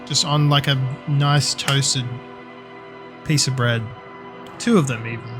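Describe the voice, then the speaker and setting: A man's voice: mid-range voice, steady tone, takes it slowly, fairly bright tone, soft background music. A young man chatting casually and swearing freely while streaming a game. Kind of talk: casual live-stream chat while gaming.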